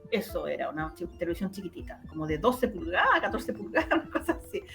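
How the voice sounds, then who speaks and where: This radio drama producer's lowish, gravelly voice is a bit bright and very animated, and she talks quickly against faint background music. Guesting in a casual interview, she recalls memories in a Chilean Spanish accent, repeating words for emphasis.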